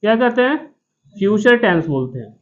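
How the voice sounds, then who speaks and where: A man's voice: sits high, very animated, brisk, highs cut off. A man teaching grammar to a classroom with students present, drilling them by repeating questions and answers, with joking asides.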